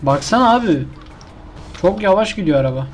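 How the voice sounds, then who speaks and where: Gaming commentator, male, higher pitch, frustrated self-talk, slight background hiss. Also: lively intonation, fairly quick. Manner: exasperated, complaining, talks to himself and the game. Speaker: gaming YouTuber. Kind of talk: casual gameplay commentary.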